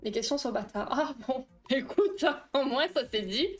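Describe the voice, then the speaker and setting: A woman's voice: high voice, expressive, moderate pace, faint music behind. A woman hosting a casual livestream, explaining dream science with a quiz, chatty and laughing often while reading chat aloud. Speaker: livestream host.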